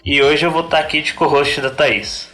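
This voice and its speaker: A man from Brazil who co-hosts a podcast, introducing himself slowly and deliberately. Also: on the high side, steady tone, sharp tone. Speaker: podcast co-host.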